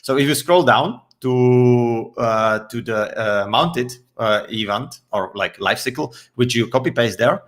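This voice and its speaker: A man's voice: mid-range voice, measured pace, few pauses, a bit bright. A man explaining code step by step as a guest, patient and a little hesitant with many fillers. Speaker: developer guest explaining a tool. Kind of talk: casual technical explanation.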